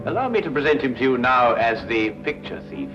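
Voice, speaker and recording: An actor playing a brisk, witty Victorian detective who lays out deductions in a cool, teasing, precise way. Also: male voice, medium pitch, big pitch swings, lightly acted. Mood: calm. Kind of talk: 1950s TV drama acting. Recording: dull 1950s TV soundtrack with music.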